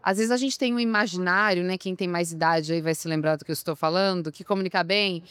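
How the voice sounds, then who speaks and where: A woman's voice: on the low side, quick pace, a bit bright, no room sound. A woman who coaches people on public speaking, talking emphatically in an interview and often asking rhetorical questions. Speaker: communication coach. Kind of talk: podcast interview.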